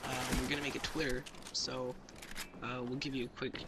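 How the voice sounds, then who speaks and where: A man's voice: medium pitch, level tone, normal speed, heavy background noise. A man giving casual gameplay commentary, explaining tactics in a hesitant, filler-heavy way. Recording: voice over loud gunfire game audio.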